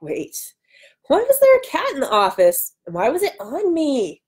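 A woman in her thirties, with a high-sitting, darkish voice that swings hugely in pitch at a moderate pace, hosts a live book reading with casual chat. A cold makes her sound nasal. She's indoors in a small home room, recorded on a webcam at arm's length.

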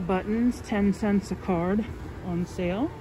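A woman's voice: medium pitch, takes it slowly. Woman muffled behind a mask, noisy store. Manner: chatty, apologetic, speaking while walking around filming. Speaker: shopper hosting a store tour video. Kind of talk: casual vlog narration. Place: inside a large store. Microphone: handheld phone camera. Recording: noisy store ambience, phone recording.

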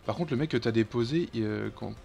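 A man's voice: mid-range voice, fairly quick, creaky, a little mellow. A man streaming a co-op game, chatting casually and swearing when things go wrong. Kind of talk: casual gaming chat.

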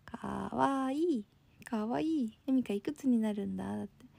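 A woman's voice: a little high, moderate pace, gravelly, mellow, no echo. Bubbly Kansai woman live-streamer. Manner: bubbly, thanks viewers often. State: sleepy. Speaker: livestream host. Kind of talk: casual live-stream chat reading comments.

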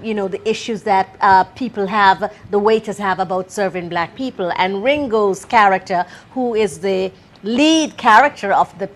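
A woman's voice: medium pitch, fairly bright tone. A woman director explaining her play in a talk show interview, articulate with some fillers.

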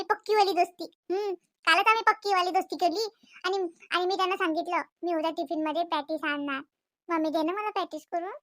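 A woman's voice: very high-pitched, bright, forceful tone, dry recording, clean studio sound. A woman voicing a chatty young schoolgirl in a cartoon, coaxing her mother. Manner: pleading, chatty. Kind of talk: animated cartoon voice acting.

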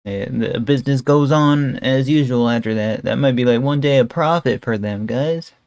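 A young man's medium-pitched, darkish voice moves at a moderate pace, with no room sound audible. Streaming from his room at home via headset and webcam, he gives a rambling, casual reaction full of fillers like "bro" and "guys."

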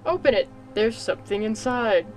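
A woman's voice: a little high, lively intonation, moderate pace, a little mellow, soft background music, close to an everyday voice, low-quality recording. A woman putting on a patronizing British male doctor. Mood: instructing. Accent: British, put on. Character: stern male asylum doctor, condescending.

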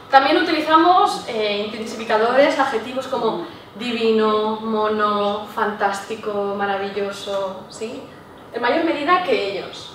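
A woman lectures a live audience in a big, very echoey hall, her fairly high voice picked up from well off the mic with faint ambient hiss behind it. She talks in an engaging, explanatory way and keeps checking that listeners follow with a quick "¿sí?". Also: a bit bright. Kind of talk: public talk to a live audience. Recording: echoey room, voice from far off.

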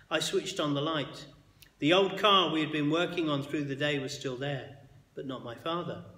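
A man reading a children's book aloud as a bedtime story, expressive and sometimes dropping to a hush. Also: on the high side. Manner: expressive, with hushed quiet passages. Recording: echoey hall with long reverb.

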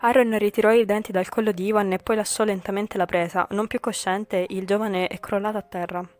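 Woman streamer reading a visual novel out loud, lots of slips and fixes, chatty comments in between. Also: mid-range voice, steady tone, fairly quick, faint music behind. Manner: reads with frequent slips and self-corrections; chatty asides with English swearing. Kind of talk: reading a game aloud with casual commentary.

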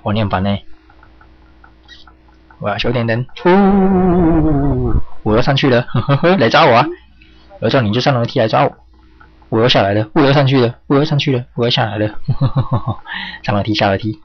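A man's voice: medium pitch, brisk, soft background music. A young man streaming a horror game, jumping, yelping and cursing at the game as he plays. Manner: jumpy, yelps and curses at the game. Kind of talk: horror game let's play commentary. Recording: slightly dull lo-fi home mic with faint hiss.

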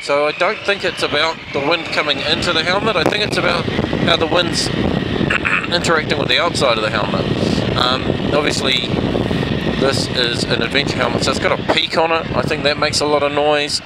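While riding his motorbike outdoors, a man reviews action cameras in casual, rambling, self-deprecating chatter from inside his helmet. His voice is on the high side and moves at a moderate pace. A helmet microphone with a foam fluffy picks up noisy vehicle and wind sound.

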